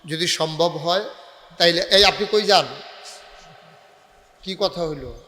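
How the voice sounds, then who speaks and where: A Bangladeshi man preaches a waz sermon at a large night gathering, his voice a little high, slow, and sharp, with a big-room sound. He banters with the audience, gives the crowd directions, and breaks into sung, chanted phrases that rouse listeners to call back.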